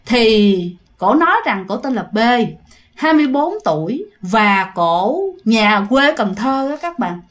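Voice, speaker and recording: A woman telling a ghost story in a chatty way, often speaking straight to her listeners. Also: a little high. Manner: chatty, addresses listeners directly. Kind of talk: casual storytelling.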